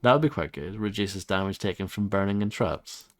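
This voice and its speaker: A man's voice: deep voice, a little fast. A man giving casual gameplay commentary as he plays. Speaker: game streamer. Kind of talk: casual gameplay commentary, reading game text aloud.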